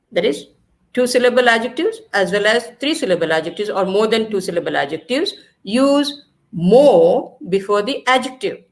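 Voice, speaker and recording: A woman with an Indian English accent teaching a grammar lesson, repeating key points and checking that the class follows. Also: on the high side. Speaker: school teacher. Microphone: recorded lesson video.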